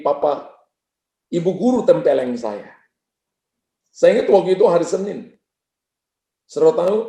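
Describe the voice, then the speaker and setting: A middle-aged male pastor preaching a sermon, urging the congregation to respond and telling stories with quoted dialogue. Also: high-pitched. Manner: lively storytelling with quoted dialogue. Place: church hall. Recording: echoey church hall.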